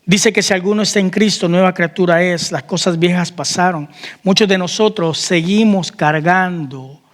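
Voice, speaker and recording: High-voiced pastor preaching in a hall. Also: male voice, normal speed. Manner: preaching with questions to the congregation, calling out amen. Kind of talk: sermon. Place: church hall.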